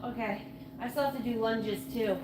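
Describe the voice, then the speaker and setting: During a live workout stream at an indoor gym, a late-twenties woman talks casually and informally, repeating herself often. Her voice is on the high side and her speed normal. The audio carries noisy gym ambience with a shifting mic distance.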